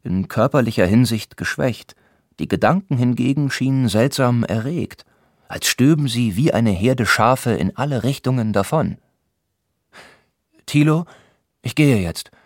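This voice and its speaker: A man narrating a novel in a measured, steady storytelling voice. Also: medium pitch, dry recording, studio quality. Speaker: audiobook narrator.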